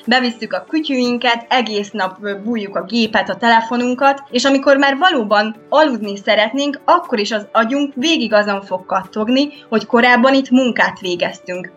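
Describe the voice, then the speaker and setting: A woman answering interview questions as a sleep expert, calmly explaining and giving practical tips. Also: a little high, few pauses. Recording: dull lo-fi sound with faint music.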